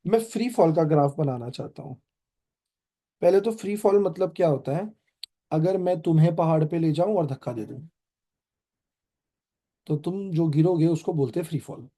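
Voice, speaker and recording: गहरी आवाज़ वाला भारतीय भौतिकी शिक्षक. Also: male voice, fairly high pitch, mellow. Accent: Indian. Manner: quizzes students with quick questions, mixes Hindi and English. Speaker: physics tutor. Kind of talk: online classroom lecture.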